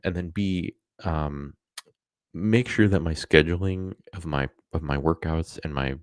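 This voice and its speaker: A man's voice: extremely low pitch, measured pace, no echo, clean studio sound. A man talking casually on a live stream, rambling with many fillers and self-corrections.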